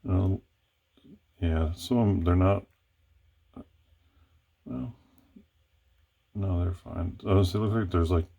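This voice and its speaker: A man with a very low voice talks himself through picking a lock. He thinks aloud in a hesitant way, starting phrases over and correcting himself mid-sentence. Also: slow, vocal fry, long pauses, breathy edge, phone-quality sound. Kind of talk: thinking aloud while working.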